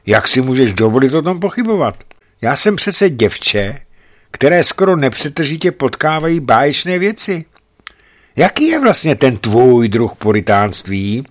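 A man voicing a playful young woman who teases her lover, in a lifted, lively voice. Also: mid-range voice, no room sound, clean studio sound, pitched above the performer's own voice, lightly acted. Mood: teasing.

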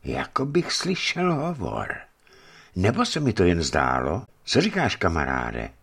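A man voicing a gruff, lovesick young giant who works as a watchman, speaking in a raised, loud dialogue voice. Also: mid-range voice, very animated, pitched above the performer's own voice.

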